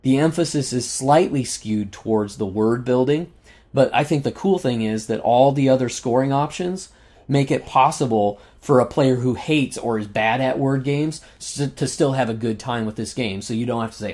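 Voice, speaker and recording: A man in relaxed podcast chat, rattling off game facts between "um"s and easy laughs. His voice is a little worn, as if he is losing it. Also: mid-range voice, moderate pace. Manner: enthusiastic, laughs often, lists game facts with fillers. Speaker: podcast co-host reviewing board games. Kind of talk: casual chat.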